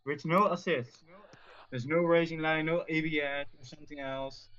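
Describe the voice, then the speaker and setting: A man giving halting, plain answers as a sim racer in a casual post-race interview, heard over dull voice chat. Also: fairly high pitch, fairly even intonation, a bit bright. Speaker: sim racing driver being interviewed.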